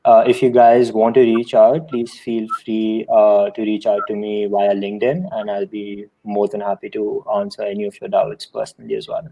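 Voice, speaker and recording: A man's voice: lowish voice, level tone, moderate pace, few pauses, mellow. A young man in his early twenties with a posh, educated Indian English accent, introducing himself politely and formally as a student mentor in an online webinar. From Delhi, India. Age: early 20s. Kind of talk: polished self-introduction in a webinar. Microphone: online call microphone. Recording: dull, muffled online call.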